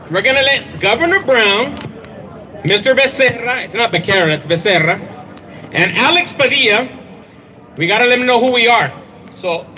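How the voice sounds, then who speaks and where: High-pitched rally speaker with a forceful voice. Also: male voice, slight background noise, poor audio. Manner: punchy, crowd-rousing, chanting slogans. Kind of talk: rally speech. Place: outdoor rally. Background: crowd.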